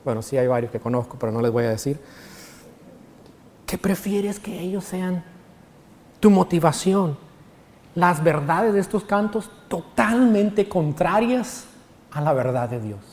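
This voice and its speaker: A man's voice: a little high, animated, a little slow, pauses often, darkish tone, big-room sound. A man preaching a sermon in as pastor, explaining scripture point by point. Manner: preaching with sung quotes of songs.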